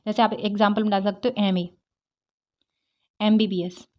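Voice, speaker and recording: A woman's voice: mid-range voice, level tone, moderate pace, warm tone. A woman teaching English grammar, explaining step by step, asking rhetorical questions and checking in with "theek hai".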